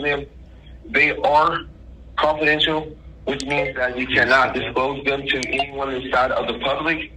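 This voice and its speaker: On a phone call, a man with a medium-pitched, pushed and bright voice poses as an official, speaking formally and insistently in legal language and calling the listener ma'am. The telephone line carries faint noise.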